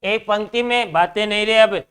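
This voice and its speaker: High-voiced man teasing his class. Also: moderate pace, smooth. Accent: Rajasthani Hindi. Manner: joking, teasing students, lively classroom banter. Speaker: reasoning teacher. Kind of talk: classroom lecture with students. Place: classroom with students.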